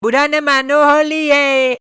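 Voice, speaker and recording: Excited high-voiced cartoon narrator. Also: male voice, slow pace, slight background noise. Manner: excited, exclamatory. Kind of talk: cartoon voice acting. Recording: music playing behind.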